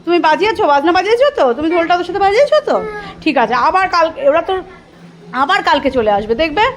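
A woman's voice: very high voice, lively intonation, racing, crowd noise. A woman filming her crying child at home in a casual family vlog, coaxing and soothing him in repetitive, sing-song baby talk. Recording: loud background noise, home video.

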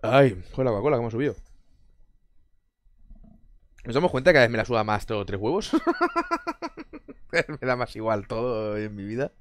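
A man's voice: mid-range voice, sing-song, brisk, dry recording. A man from Spain is chatting on a live stream, reading and answering his chat. He is sarcastic and jokey, laughs a lot and swears freely. His voice swings up and down, and the close mic sounds dry with no room around it.

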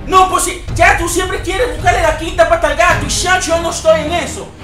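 A furious Dominican wife, as a man puts her on, shrieking insults at her cheating partner in a very high voice. The room rings with echo and loud music plays behind her. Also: brisk. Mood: furious scolding. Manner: shouting, cursing, scolding. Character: furious jealous Dominican wife, young adult.

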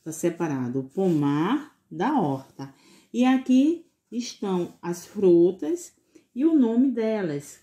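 Slow, patient preschool teacher woman. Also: medium pitch. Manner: slow, patient, sounding out syllables; gentle coaxing with diminutives. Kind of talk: recorded online lesson for young children.

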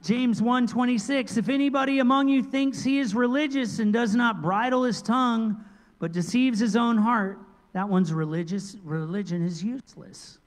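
High-voiced preaching man in reverberant church. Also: moderate pace. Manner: lively preaching, jumps between loud emphasis and quiet asides. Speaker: pastor. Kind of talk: sermon. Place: large church sanctuary. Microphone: handheld microphone.

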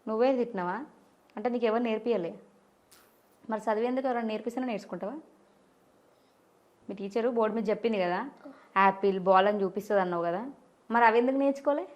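Fast-talking woman quizzing a child. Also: a little high, darkish tone, lo-fi sound. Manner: quizzing, coaxing questions. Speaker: interviewer. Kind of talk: casual interview with a child.

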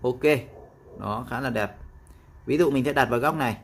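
A man explaining a phone app step by step in a casual tutorial, with frequent pauses and fillers. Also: mid-range voice, vocal fry, slight background noise.

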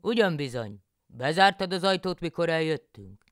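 A woman voicing a grumbling peasant husband in a folk tale, with loud, scolding exclamations. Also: low-pitched, big pitch swings, no echo, studio quality, voice pushed up. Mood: exasperated.

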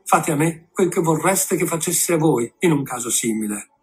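A man's voice: on the high side, expressive, moderate pace, close to an everyday voice. A man playing a desperate pleading captain. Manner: pleading, emotional. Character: desperate pleading male ship captain, father.

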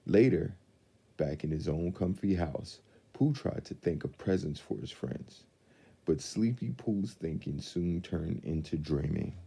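A man reading a storybook aloud in a deep, gravelly voice, very mellow and dark in tone. He reads with lively, animated expression, rising and falling across the lines, and a husky grain. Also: a little slow. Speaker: Santa storyteller.

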